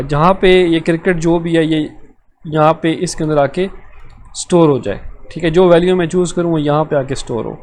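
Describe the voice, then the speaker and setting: A man with a Pakistani Urdu accent leads a live online coding lesson, patiently explaining each step and checking in with his students after almost every phrase. His voice sits a little high for a man. A faint hiss runs behind him. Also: darkish tone. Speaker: programming tutor. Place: live online class session.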